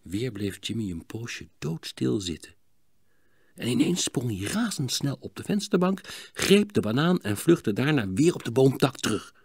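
A man narrating a children's audiobook in an expressive storytelling manner. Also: medium pitch, moderate pace, vocal fry, husky, no room sound, studio quality.

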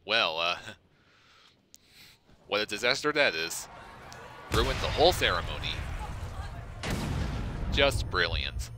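Male let's-play commentator: lowish voice, animated intonation, sarcastic asides, game music behind. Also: slow pace, long pauses, background noise. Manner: wry, sarcastic. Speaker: gamer doing commentary. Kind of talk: gameplay commentary. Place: voice-over recorded over game audio.

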